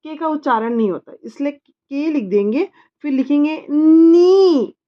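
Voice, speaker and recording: A woman's voice: high-pitched, moderate pace, muffled recording. A woman teaching her child English body words, patiently repeating each word and spelling it letter by letter. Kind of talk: slow spelling lesson.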